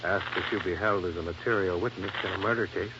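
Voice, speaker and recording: This lo-fi clip comes from an old radio recording, noisy and band-limited. A man with a low, steady voice talks quickly, lightly acting the part of a dry, confident American insurance investigator, tough and wry, in a 1950s detective drama. His delivery is matter-of-fact and resolute.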